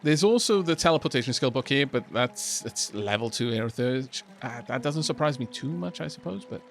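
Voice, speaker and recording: A man's voice: medium pitch, lively intonation, fairly quick, vocal fry. A man who streams games, chatting casually as he comments on his play. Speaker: game streamer.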